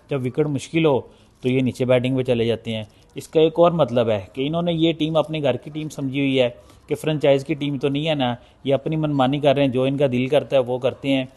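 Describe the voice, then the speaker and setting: A man's voice: medium pitch, fairly even intonation, brisk, a little mellow. Emphatic man giving post-match cricket analysis. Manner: critical, emphatic, repeats points for effect. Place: indoor room, seated on a sofa.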